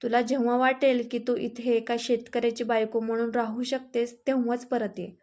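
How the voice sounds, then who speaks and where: A woman's voice: on the high side, flat delivery, moderate pace, a little mellow, lightly acted. A woman voicing a young male farmer, a hurt but firm husband, in a storybook reading with a raised, scolding delivery. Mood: angry.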